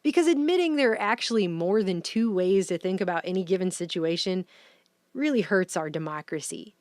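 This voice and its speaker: A woman giving casual, sarcastic commentary in long, rapid run-on rants. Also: fairly low pitch, lively intonation, darkish tone, no echo, studio quality. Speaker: vlogger, commentator.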